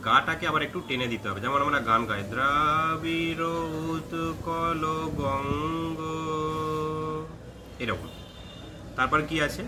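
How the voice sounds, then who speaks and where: A man teaching a flute lesson, slowly chanting note names and singing the lyric lines between short spoken explanations. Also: medium pitch, lively intonation. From India. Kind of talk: step-by-step music lesson. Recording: music clearly heard behind.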